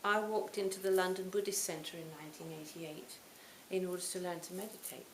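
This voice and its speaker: A woman in her sixties giving a reflective Buddhist talk to a retreat audience, her phrases often trailing off softly. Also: lowish voice, fairly quick. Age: 60s. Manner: reflective, warm storytelling with soft trailing phrase ends. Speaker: Buddhist teacher. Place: retreat hall. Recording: roomy hall, faint hiss.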